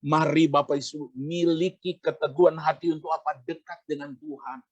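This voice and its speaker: A man preaching a sermon in a fairly high, dry-sounding voice. He tells a personal story, keeps turning to the congregation, and acts out the people he quotes. It comes across as a warm pulpit storyteller. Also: fairly even intonation, moderate pace, no room sound, dull audio. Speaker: pastor.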